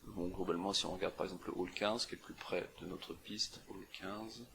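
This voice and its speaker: Young male presenter, low and gravelly, casual think-aloud walkthrough with frequent fillers, faint hiss behind. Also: fairly even intonation, brisk. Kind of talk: casual screen-recorded walkthrough.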